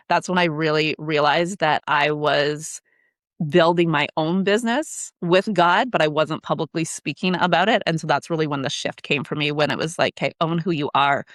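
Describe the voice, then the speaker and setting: A woman's voice: low voice, normal speed, fairly bright tone, no echo. Woman, podcast guest, candid, emphatic, blunt, dry close sound. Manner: emphatic and blunt, swears freely. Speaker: podcast guest, business coach. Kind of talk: candid conversational interview. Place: in Canada.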